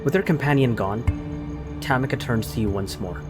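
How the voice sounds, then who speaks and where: A man's voice: mid-range voice, brisk, music in the background. A man running a tabletop role-play game as game master; he narrates scenes and explains them with hesitant restarts.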